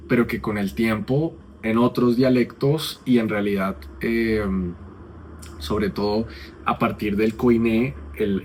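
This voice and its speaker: A man gives a relaxed, conversational lesson on the Ancient Greek alphabet. His voice sits at an ordinary middle pitch. Faint noise hums underneath. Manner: conversational, checks in with "¿no?" and "¿sí?". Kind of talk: relaxed classroom explanation.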